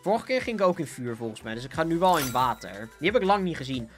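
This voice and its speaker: A young Dutch-accented man livestreams games, chatting casually in a bouncy, giggly way despite a sore throat. His voice sits on the high side and comes out very animated and fast. Faint music plays behind his laid-back live commentary.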